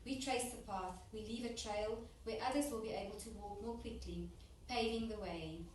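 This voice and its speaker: A woman interprets a ceremonial speech phrase by phrase in a steady, plain delivery, now and then restarting a word. Her voice sits at a middle pitch and is heard from across a hall, with strong reverb and a faint hiss underneath. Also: moderate pace. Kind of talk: consecutive interpretation into English. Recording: echoey hall, distant mic, faint noise.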